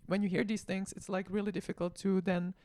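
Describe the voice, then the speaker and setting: A woman, a guest on a casual radio chat, talking in an earnest, halting way with many fillers. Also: mid-range voice, level tone, darkish tone.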